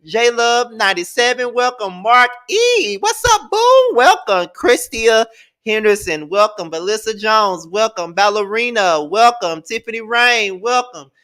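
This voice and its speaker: A man, hosting a live-stream review in a sassy, playful and animated way. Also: high-pitched, a little slow. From Mississippi, US. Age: 30s. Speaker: livestream host.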